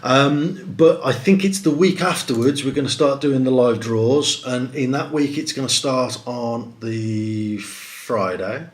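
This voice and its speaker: A man's voice: medium pitch, measured pace, few pauses. Guy chatting on a live stream, loose and friendly, lots of ums, middle-aged. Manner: chatty, with many fillers and restarts. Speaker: host of a live stream for a prize-draw site. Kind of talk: casual live stream chat, reading comments.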